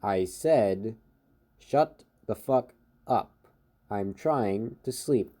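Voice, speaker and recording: A man voicing a laid-back, unbothered teenage boy with a flat, slow, deadpan delivery. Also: mid-range voice, lightly acted.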